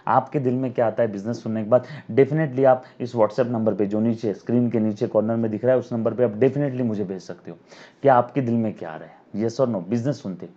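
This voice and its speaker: A man giving an accounting lecture to camera, dictating definitions slowly, repeating words, and addressing students as his children with frequent "yes or no?" checks. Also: mid-range voice, fairly even intonation, warm tone, muffled recording. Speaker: accounting teacher. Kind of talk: recorded video lecture. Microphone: camera mic.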